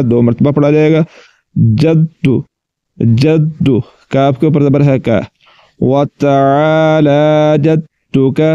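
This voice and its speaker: Patient male tajweed teacher, slightly high voice. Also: mellow, clear, resonant tone, no room sound, highs cut off. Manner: patient, repeats each syllable slowly and drawn out. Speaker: Quran recitation teacher. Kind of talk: step-by-step tajweed lesson.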